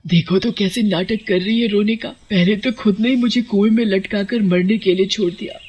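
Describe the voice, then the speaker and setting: A woman voicing a vengeful young female witch ghost in a cartoon, with a husky, bitter, menacing way of talking. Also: medium pitch, fairly even intonation, normal speed, darkish tone, highs cut off, close to an everyday voice. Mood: scornful.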